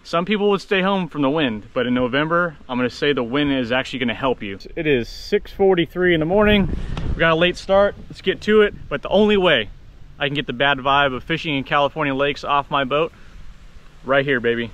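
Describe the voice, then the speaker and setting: Wind and boat noise surround this American man in his thirties as he vlogs his fishing trip from a kayak on open water into a nearby action camera. He talks casually in slangy bro style and swears now and then. His voice is a little high, expressive, brisk and a bit bright, with the highs cut off.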